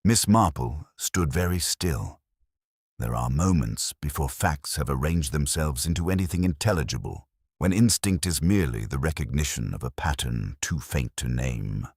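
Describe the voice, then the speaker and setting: A man narrating a mystery audiobook in a measured, expressive storytelling manner. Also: rumbling low, husky, dry recording, studio quality.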